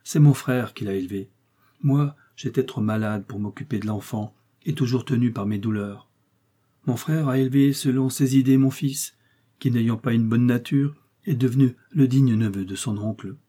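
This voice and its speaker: A man's voice: mid-range voice, moderate pace, warm tone, husky, close to an everyday voice. A man voicing a sick, bedridden mother who tells her sorrows in a fearful, grieving way, read as an audiobook story. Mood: sorrowful.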